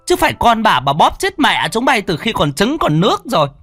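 A sharp-tongued old neighbor woman scolds in a shrill, ringing voice, voiced by a man telling a ghost story. Her voice is pitched well above the storyteller's own and delivered with force. The sound is dry. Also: wildly swooping pitch, fairly quick, dry recording, faint music behind, exaggerated voice. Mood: scolding.

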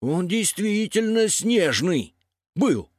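Man putting on a brave little boy leader, bossy but upbeat, bouncy high voice. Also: very animated, takes it slowly, darkish tone, no echo, heavily acted. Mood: teasing. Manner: commanding, upbeat. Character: brave boy team leader, calm and decisive.

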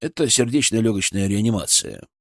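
A man's voice: on the low side, sing-song, a little fast, vocal fry, no room sound, clean studio sound. A man reading a fantasy audiobook aloud in tense first-person narration. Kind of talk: scripted narration.

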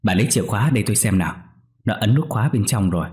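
A man's voice: on the low side, animated, racing, lightly acted. A man voicing an elderly father who calls out and breaks into a cracking, wailing cry. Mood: urgent. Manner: calls out loudly, voice cracking into a wail. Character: elderly father, anxious then grief-stricken.

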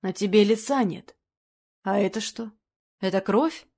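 A woman's voice: mid-range voice, unhurried, creaky, a little mellow. A woman voicing a kindly male artist, anxious and caring. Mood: worried.

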